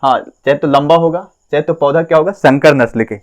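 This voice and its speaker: A man's voice: fairly high pitch, a little fast. A man teaching a class, asking questions and answering them himself, repeating key terms. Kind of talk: classroom lesson at a board.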